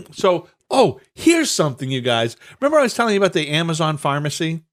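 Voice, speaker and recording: Sounding stuffed up, this podcast co-host has a voice on the high side, slightly raised, and speaks fairly quickly and with plenty of animation. His casual banter is rambling and loose, sprinkled with swearing, stumbling restarts, and frequent laughs.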